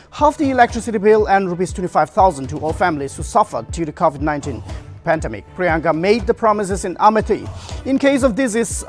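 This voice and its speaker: High-pitched male newsreader. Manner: formal. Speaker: news anchor. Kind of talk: scripted news reading.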